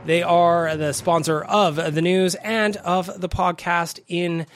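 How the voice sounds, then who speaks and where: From a small home basement studio, a man hosts a sports podcast alone, speaking informally and repeating phrases for emphasis. A mild cold-like illness leaves him slightly nasal, phlegmy and congested. His high voice is flat and slow, and the recording is dry.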